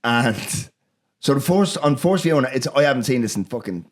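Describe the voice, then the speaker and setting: With an expressive, mid-range voice and a brisk delivery, this Dublin-accented Irishman hosts a film podcast. The discussion is casual, chatty and sweary, and he keeps adding "do you know what I mean."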